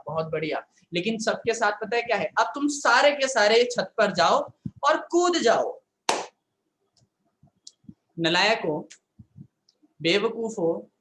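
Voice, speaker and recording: A man's voice: high voice, a bit bright, reverberant, slight background noise, poor audio. Scolding, joking male science teacher. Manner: scolding, playful teacher banter; repeats filler "yaar" often. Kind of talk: live online class lecture.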